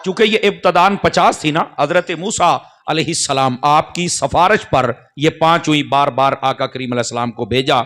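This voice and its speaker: A man's voice: a little high, fairly bright tone. A man preaching a sermon in a mosque, speaking straight to the gathering and checking that they follow. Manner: addresses the crowd directly, often checking they follow.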